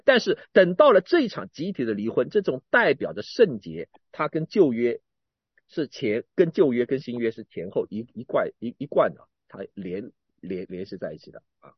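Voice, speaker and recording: Animated man preaching a sermon. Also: mid-range voice, moderate pace, breathy edge, no echo, dull audio. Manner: animated, repeats and restarts words, swings from emphatic to quiet.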